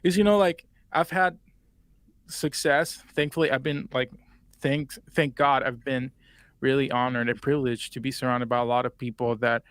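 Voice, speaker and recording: In a casual interview, a Puerto Rican man in his twenties rambles through his story with plenty of fillers, his Spanish accent clear. His medium-pitched voice is resonant and clear, with fairly even intonation and a normal speed, and the recording has no room sound.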